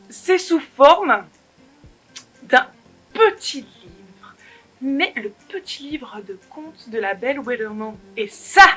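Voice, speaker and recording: Bubbly woman doing an unboxing vlog, high bright voice, chatty and playful. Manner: bubbly and playful, addresses viewers directly. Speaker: beauty vlogger.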